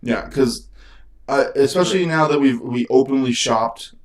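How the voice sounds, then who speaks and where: A man co-hosting a casual sports podcast, relaxed and rambling, acting out little quotes. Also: medium pitch, normal speed. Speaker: podcast co-host.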